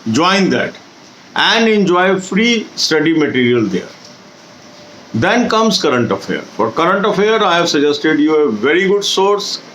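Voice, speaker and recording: A middle-aged man speaks in a slightly raised register. He coaches exam candidates with steady, instructive advice aimed straight at his viewers. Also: on the high side, extremely slow, a little hiss or hum, rough recording.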